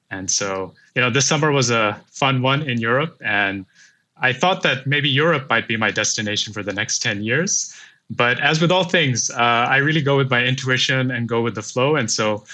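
A man in his thirties from Pakistan, a podcast guest, talking about his path in a reflective, measured way. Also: mid-range voice, pushed and bright. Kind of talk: casual interview.

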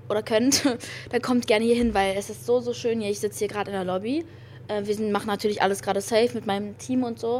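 A young German woman, a young adult, hosts a casual, chatty pop-music podcast, using youth slang sprinkled with English phrases and gushing with giddy, girlish excitement. Her voice is a little high. She's in a hotel lobby, and the recording clearly picks up noisy room ambience.

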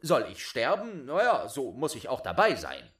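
A man voicing a fearless, cheeky young lad who talks boldly and loudly in a storybook reading. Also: medium pitch, huge pitch swings, moderate pace. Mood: cocky. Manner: bold, cheeky and loud.

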